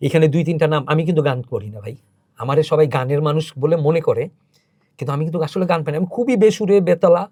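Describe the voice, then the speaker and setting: A man's voice: fairly high pitch, quick pace, a little mellow, no room sound, studio quality. A man, a podcast guest telling emotional, emphatic stories as a cultural organizer. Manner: emotional, emphatic storytelling with rising intensity. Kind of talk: impassioned interview talk.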